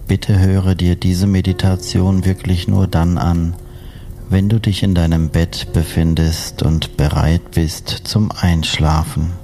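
A man speaking as a sleep story narrator and meditation guide, soothing and hypnotic, with long unhurried pauses. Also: low-pitched, flat delivery, dark tone. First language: German.

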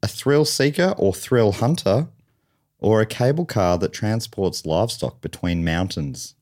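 A man's voice: lowish voice, animated, unhurried, a little mellow. An Australian man hosting a comedy game show podcast, with dry, teasing banter.

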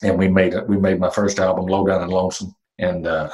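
Country singer-songwriter, man of fifty, very low voice, laid-back storyteller who swears now and then. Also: fairly quick, poor audio. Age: 50s. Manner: relaxed storytelling with fillers and mild cursing. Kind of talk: casual interview talk.

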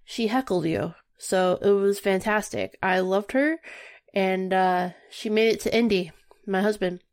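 A woman co-hosting a casual podcast chat, telling stories in an animated way. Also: medium pitch, measured pace. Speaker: podcast co-host.

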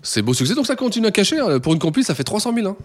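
A man's voice: sits high, big pitch swings, rapid-fire. A man co-hosting a casual radio-style chat, telling the story in an easy, rambling way full of fillers. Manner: storytelling, chatty, lots of fillers. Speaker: co-host. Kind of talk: casual hip-hop podcast chat.

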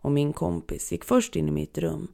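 Gravelly, dark-toned horror storyteller. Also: medium pitch. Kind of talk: scripted horror story reading. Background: faint background music.

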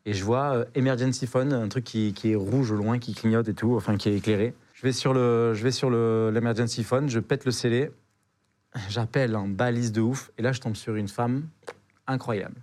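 A man's voice: mid-range voice, moderate pace. Slangy young man telling a story. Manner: slangy, animated, full of hesitations and repeated words. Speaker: adventurer guest on a podcast. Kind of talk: casual storytelling.

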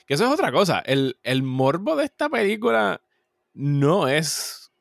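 A man's voice: on the high side, sing-song, unhurried, gravelly, no echo, studio quality. A man co-hosting a casual film discussion, giving his opinions freely and laughing easily. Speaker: podcast co-host.

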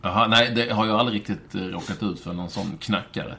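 A man hosts a relaxed podcast from his home, joking with mock-grand turns of phrase. His voice sits fairly low, and a faint noise hums in the background. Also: gravelly. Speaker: podcast host. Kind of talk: casual podcast chat. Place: home in Stockholm.

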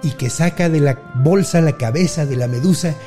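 A man with a Mexican accent casually retelling a Greek myth on a podcast, slangy, animated and jokey. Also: a little high, normal speed, soft background music. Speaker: podcast storyteller. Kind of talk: casual mythology storytelling.

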